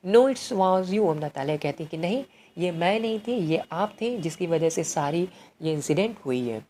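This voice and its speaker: A woman's voice: low voice, expressive, normal speed, mellow, slight background noise. A woman tutor explaining a play in Hindi, reading each line aloud and then explaining it conversationally. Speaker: English literature tutor.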